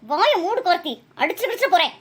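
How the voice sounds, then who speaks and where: A high-pitched, fast-talking cartoon mother with a Tamil Nadu lilt, voiced by a woman. She scolds sharply one moment and fusses tenderly over her grown sons the next, always quick and brisk. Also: fairly bright tone. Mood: angry. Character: strict, loving middle-aged village mother. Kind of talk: cartoon voice acting.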